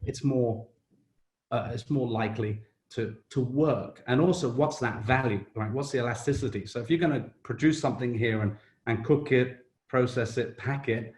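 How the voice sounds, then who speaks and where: A man's voice: medium pitch, moderate pace, darkish tone. A man speaking on a business panel, direct and conversational, often saying "you know". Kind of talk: panel discussion answer. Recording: roomy echo.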